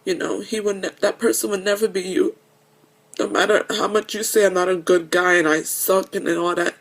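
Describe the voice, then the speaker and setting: Woman vlogger, emotional confessional monologue, earnest, halting delivery with restarts. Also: mid-range voice, fairly even intonation. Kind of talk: confessional video message.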